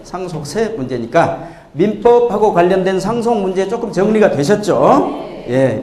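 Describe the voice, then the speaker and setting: Animated man lecturing in an echoey hall. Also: a little high. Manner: animated storyteller, acts out voices, rhetorical questions. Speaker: tax accountant lecturer. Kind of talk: lively lecture with jokes.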